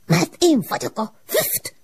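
A woman voicing a hurried old smoke spirit woman in a storybook, with a high, breathy, sing-song voice. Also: huge pitch swings, a little mellow, exaggerated voice. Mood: impatient.

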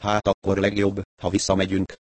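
A gruff sculptor, curt and grumbling, as a male narrator reads him in a very low, dry voice. The recording stays close with no room sound. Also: completely flat delivery, dry recording.

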